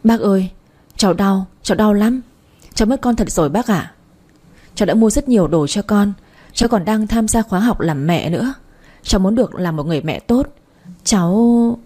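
A woman's voice: medium pitch, animated, moderate pace, mellow, close to an everyday voice. A woman reading the part of a heartbroken young wife who has just lost her baby, speaking tearfully in a storybook narration. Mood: sobbing. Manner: tearful, pleading.

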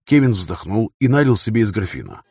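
A man narrating an audiobook in an even storytelling manner. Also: lowish voice, brisk, over loud music. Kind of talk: scripted narration.

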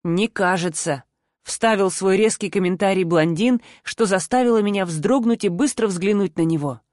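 A woman reading a novel aloud in an even, steady first-person narration. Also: mid-range voice, normal speed, no echo, studio quality. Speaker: audiobook narrator.

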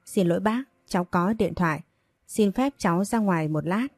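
A woman's voice: medium pitch, moderate pace, darkish tone, no room sound, close to an everyday voice. A woman reading as a polite young man.

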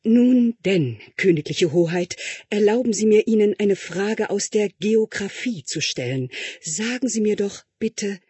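A man voicing an anxious, fawning royal tutor who flatters and speaks slowly and high. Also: breathy edge, dry recording, heavily acted. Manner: obsequious, flattering, high and drawn-out.

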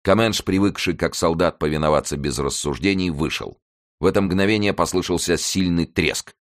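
A man narrates an audiobook with a very deep voice. His reading is measured and dramatic, and it stays steady from line to line. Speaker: audiobook reader. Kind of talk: scripted narration.

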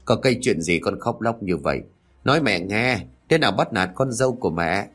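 An old mother-in-law, calm and firm, who talks in a steady, motherly way, as a man reads her part. She is told in a storybook manner with a lively rise and fall. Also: lowish voice, brisk, breathy edge. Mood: soothing.

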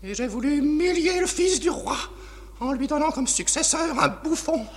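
A woman's voice: sits high, lively intonation, moderate pace. An actress playing a proud, passionate, anguished noblewoman, declaimed in formal 1950s French radio tragedy style. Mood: wounded, confessional. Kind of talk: 1950s French theatrical radio drama acting.

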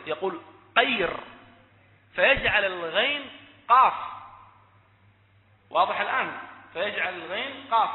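High-voiced man teaching in an echoey hall. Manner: explains point by point, repeats key phrases, asks the audience "clear now?". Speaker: Islamic scholar teaching. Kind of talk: religious lesson. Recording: echoey hall, tinny phone-like sound.

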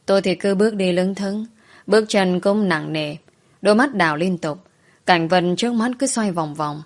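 A woman reading a first-person story aloud in a soft, emotive way. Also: on the low side, normal speed.

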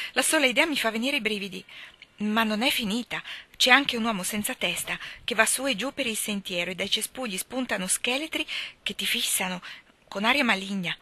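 A woman's voice: mid-range voice, pushed and bright. A woman voicing a chatty, imaginative orphan girl who talks eagerly and dramatically. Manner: eager, dramatic, breathless storytelling.

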